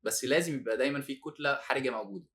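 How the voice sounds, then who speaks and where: A man with an Egyptian accent, a former detainee telling his story as a podcast guest, animated and laughing now and then. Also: medium pitch, racing. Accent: Egyptian Arabic. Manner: animated, laughs while recounting hardship.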